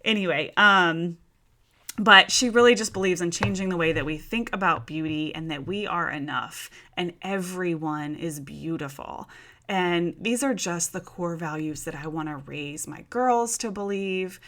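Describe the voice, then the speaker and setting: A woman's voice: fairly low pitch, measured pace, sharp tone. A woman, hosting a casual solo podcast and chatting informally to listeners. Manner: chatty and informal, addressing listeners as "you guys" and "y'all". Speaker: podcast host.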